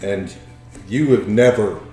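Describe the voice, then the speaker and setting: A man's voice: on the low side, slow pace, mellow. A man running a tabletop role-playing game, narrating scenes and answering players as game master. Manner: clears throat often. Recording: roomy echo, faint music behind. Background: faint music.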